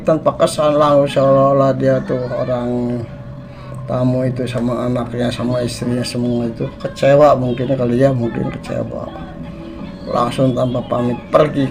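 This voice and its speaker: A man's voice: medium pitch, creaky, a little mellow. A man telling a spooky village story casually, rambling with many restarts. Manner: rambling, with frequent restarts and repetitions. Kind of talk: casual spoken horror storytelling.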